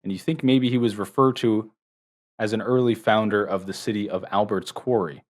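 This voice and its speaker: A man narrating as game master of a tabletop game, describing scenes with frequent pauses. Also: lowish voice, steady tone.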